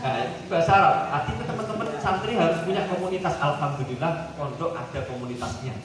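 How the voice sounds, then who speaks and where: A man from Central Java with a Javanese-tinged accent, giving a lively, joking seminar talk at a boarding school, slipping into playful mock dialogues. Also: fairly high pitch, fast talker, crowd noise. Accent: Javanese-tinged Indonesian. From Central Java, Indonesia. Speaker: guest speaker at a seminar. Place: large hall at a boarding school. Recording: echoey hall recorded from far off.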